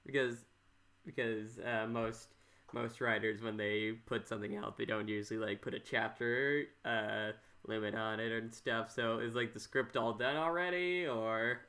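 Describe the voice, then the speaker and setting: Bright and sharp yet lowish in pitch, the voice belongs to an American man from Minnesota hosting a laid-back interview podcast. Intonation stays fairly even as he meanders, stalls, backtracks, and repeats himself, keeping things conversational.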